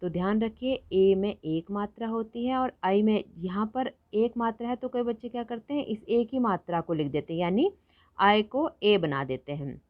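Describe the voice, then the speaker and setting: A woman teaching children to read, explaining quickly and then drawing out each word slowly so they can repeat it. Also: medium pitch, dry recording. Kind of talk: Hindi phonics lesson for children. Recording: dull lo-fi recording.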